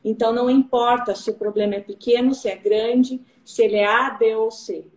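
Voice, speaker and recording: A woman's voice: fairly high pitch, fairly even intonation, a little fast, a little mellow. A woman guest in a casual live-stream conversation, talking in an earnest, encouraging way and quoting scripture. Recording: roomy live-stream audio.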